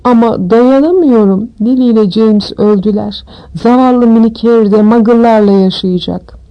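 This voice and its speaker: A woman voicing a huge, gruff, tender-hearted male giant who politely calls everyone sir, in a storybook reading. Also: mid-range voice, normal speed, dull audio, natural voice. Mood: sobbing. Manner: deferential, says sir often.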